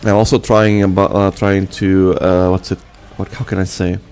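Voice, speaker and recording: A young man who grew up speaking Portuguese delivers a casual channel update in Brazilian-accented English, halting, restarting and leaning on fillers as the host. His low voice stays flat and a little mellow, over faint music.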